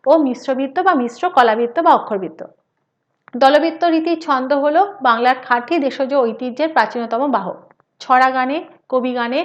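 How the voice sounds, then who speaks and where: A woman lecturer reading out a scripted educational lecture, measured and careful as she reads each definition aloud. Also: high-pitched, muffled recording. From West Bengal, India.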